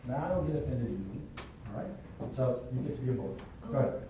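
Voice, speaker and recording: A man's voice: mid-range voice, expressive, fast, warm tone, a little hiss or hum. A man teaching real estate agents in a classroom, talking casually and checking in with the class often. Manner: conversational, keeps checking in with the class. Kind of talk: classroom lesson with role-play. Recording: echoey room from far off.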